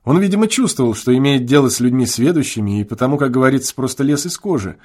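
A man reading classic prose aloud as an audiobook narrator, in an expressive, theatrical way. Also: mid-range voice, fast talker.

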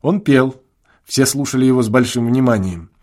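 A man reading classic prose aloud as an audiobook narrator, in an expressive, theatrical way. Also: mid-range voice, normal speed.

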